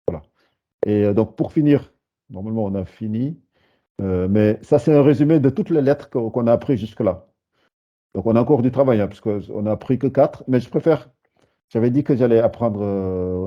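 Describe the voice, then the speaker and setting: A man leads a beginner class, patiently repeating and breaking words into syllables. His voice sits a little low. The recording is dull and lo-fi. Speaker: Arabic teacher. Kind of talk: live beginner language lesson.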